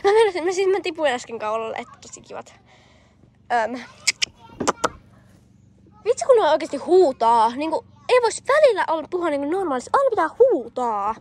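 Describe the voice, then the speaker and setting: High-voiced chatty young woman outdoors. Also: very animated, a little hiss or hum. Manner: chatty, many fillers, calls out commands. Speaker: vlogger. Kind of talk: casual hobby-horse riding vlog. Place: outdoors in a large field. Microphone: handheld camera.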